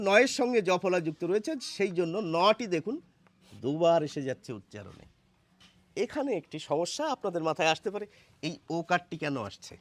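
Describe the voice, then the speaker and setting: A man gives a blackboard pronunciation lesson in a high, animated voice. He explains step by step and keeps asking the viewer questions. The recording is dry and close. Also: no echo. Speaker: Bengali language teacher.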